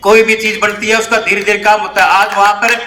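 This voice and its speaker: A man's voice: high-pitched, little pitch movement, quick pace. A man speaking as a party spokesman in a heated political debate, talking assertively and insisting on being heard. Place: large hall with public audience. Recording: echoey hall, faint noise.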